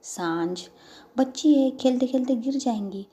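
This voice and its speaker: Older grandmother figure, warm, reassuring, slightly raised voice, as a storyteller puts her on. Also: sits high, expressive, a little slow, voice pushed up. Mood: concerned.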